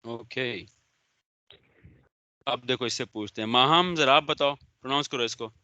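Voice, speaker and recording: Male law lecturer, bright forceful tone, stern and sarcastic, dry close sound. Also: medium pitch, measured pace, no room sound. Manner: stern, sarcastic, calls on students by name. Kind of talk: online lecture, scolding and explaining.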